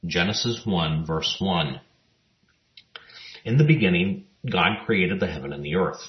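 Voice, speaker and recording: A man giving scripted Bible teaching narration, reading scripture verses in a measured, even way. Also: low voice. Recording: roomy, dull lo-fi recording.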